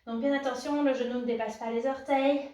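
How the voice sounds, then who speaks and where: A young woman leads a home workout, calling out breaths and counting reps with steady encouragement. Her fairly high voice comes from some way off the camera. The room has a clear echo. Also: brisk. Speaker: fitness coach. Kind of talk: guided postpartum workout class. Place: room at home, moving around away from the camera. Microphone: camera at a distance. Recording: roomy echo, voice from a distance.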